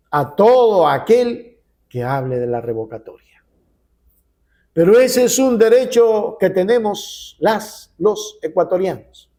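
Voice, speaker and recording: A man's voice: sits high, a little mellow. Emphatic man delivering an editorial. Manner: rhetorical, building emphatic repetition. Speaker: news editorial host. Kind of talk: political news editorial.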